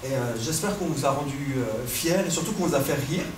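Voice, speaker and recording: A man giving an informal thank-you speech from a comedy stage, hesitant and full of long ums. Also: mid-range voice. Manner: hesitant, halting delivery with many long ums. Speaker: comedian thanking the audience at the end of a show. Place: indoor comedy theatre stage. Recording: echoey, noisy theatre stage from far off.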